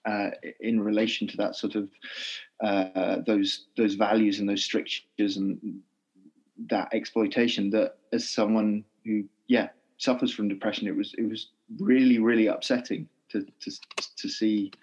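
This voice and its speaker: Halting, thoughtful male poet. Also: fairly low pitch, little pitch movement, darkish tone, highs cut off. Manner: thoughtful, halting, many restarts and fillers. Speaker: poet guest. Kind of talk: podcast interview, conversational.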